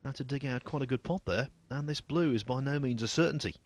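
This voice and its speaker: A man giving hushed snooker commentary in a measured, understated way, with a slightly husky voice. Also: mid-range voice, dry recording.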